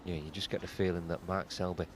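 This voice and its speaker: A man giving hushed live snooker commentary in an understated, conversational and analytical way. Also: low voice, flat delivery, quick pace, slight background noise.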